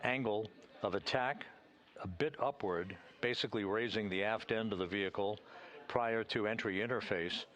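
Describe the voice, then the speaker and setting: A man giving live spaceflight commentary from mission control in a halting, explanatory way. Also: lowish voice, fairly bright tone.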